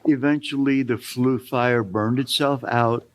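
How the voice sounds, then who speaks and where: A man's voice: mid-range voice, steady tone, unhurried. An older man telling rambling, folksy stories as a guest on a talk show. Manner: rambling, folksy storytelling with asides. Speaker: storytelling guest. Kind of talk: casual storytelling on a talk show.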